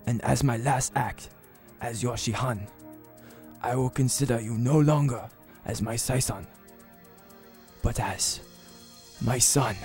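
Slow gravelly old sensei, dying, calm and solemn, music under him. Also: male voice, mid-range voice. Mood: solemn farewell. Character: dying old male martial arts master, gentle. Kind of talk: audio drama acting.

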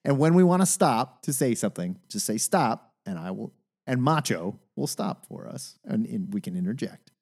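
A man co-hosting a casual podcast, his pitch swinging widely as he talks. He is wry and teasing and often drops a sarcastic aside. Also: animated, normal speed, vocal fry, darkish tone, husky. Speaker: podcast co-host. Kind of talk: casual chat.

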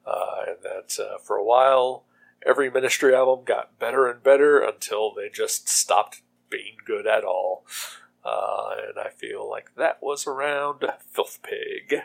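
A man hosting a pirate radio show, rambling casually between songs in a hesitant, self-deprecating and blunt way, with a gravelly voice. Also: medium pitch, unhurried, rough recording. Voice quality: gravelly, creaky.

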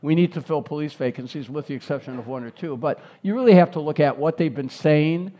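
A man's voice: a little high, fast talker, dark tone. A middle-aged man, speaking as a guest in a talk interview in an earnest, repetitive stump-speech rhythm. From Chicago, United States. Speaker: mayoral candidate guest.

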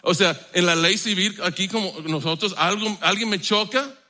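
A middle-aged man delivers a sermon in a relaxed, conversational manner. His voice sits high and rings bright, and he keeps turning to the congregation with rhetorical questions. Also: moderate pace. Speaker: pastor.

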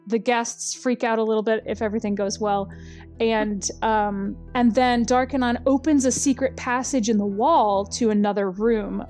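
A woman's voice: on the high side, a little mellow. A woman casually recapping a storyline, wry and chatty, with lots of ums and uhs.

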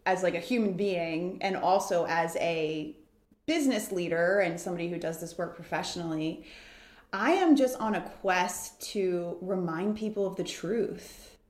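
A woman from the United States with a lowish, slightly mellow voice appears as an interview guest, telling her story in an earnest, flowing way. The talk is reflective, and the recording has a roomy echo.

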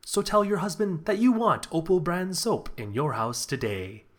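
A man playing a smooth, booming announcer reading a vintage radio soap commercial. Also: lively intonation, normal speed, fairly bright tone. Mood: salesy.

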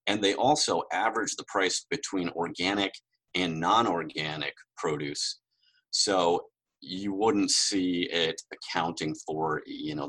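A middle-aged man, a guest on a podcast, giving measured, informative explanations of farm law. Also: rumbling low, pushed and bright, breathy edge, rough recording. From New Hampshire, USA. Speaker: podcast guest, legal researcher.

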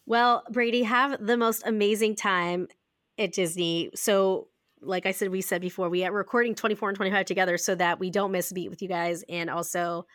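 A woman's voice: medium pitch, fairly even intonation, a little fast, a bit bright, dry recording, clean studio sound. A woman co-hosting a podcast in a casual chat, enthusiastic and affirming. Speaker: podcast co-host.

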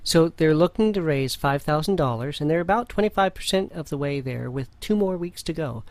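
A man hosting a podcast, talking through listings in a relaxed way with frequent fillers. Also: a little high, fairly quick, slight background noise. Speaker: podcast host. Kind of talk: casual show narration.

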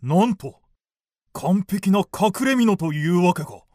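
A man voicing a dignified magistrate in a period audio drama, measured and formal. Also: high-pitched, animated, a little mellow, no room sound, clean studio sound, heavily acted. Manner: measured, formal, pronouncing verdicts. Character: dignified male magistrate passing judgment.

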